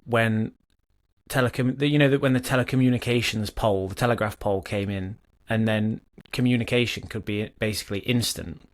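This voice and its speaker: A man's voice: lowish voice, steady tone. A man co-hosting a podcast, talking casually and reading a book chapter aloud, with frequent restarts and asides. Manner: chatty, self-correcting, pauses to comment. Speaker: podcast co-host.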